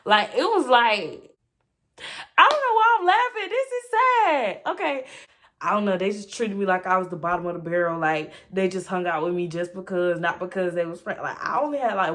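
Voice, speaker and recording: A woman's voice: mid-range voice, fairly bright tone. Candid young woman vlogging confessionally. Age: young adult. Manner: candid and rambling, with many fillers; casual and direct to viewers. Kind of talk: confessional personal vlog.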